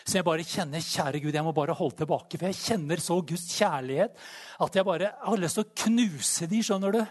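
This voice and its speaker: A man preaching a sermon, fervent and animated, often calling out praise between his sentences. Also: on the high side.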